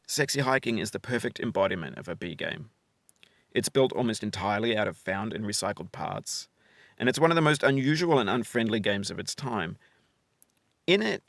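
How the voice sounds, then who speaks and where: A man with a gravelly, mid-range voice, the developer of the game he is narrating, reads a reflective, essay-like passage with measured articulacy and lively pitch changes. It is a very dry recording with no room to it.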